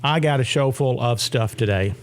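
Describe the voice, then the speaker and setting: A man's voice: medium pitch, normal speed. A man in his sixties hosting a radio show, talking casually about health. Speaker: radio host.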